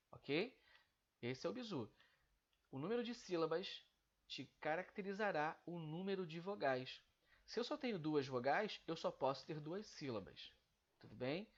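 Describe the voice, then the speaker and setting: Guy teacher going thru a grammar lesson slow and careful, stretches words out, kinda dull lo-fi sound. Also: on the high side. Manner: explains step by step, stretching out example words.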